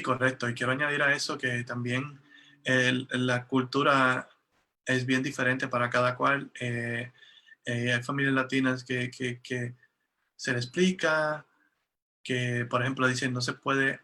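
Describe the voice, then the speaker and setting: Un hombre que interpreta una conversación en una videollamada y habla en tono conversacional, con muchas muletillas y frases que vuelve a empezar. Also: male voice, mid-range voice, bright, forceful tone. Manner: conversational, with frequent fillers and restarts. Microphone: video call.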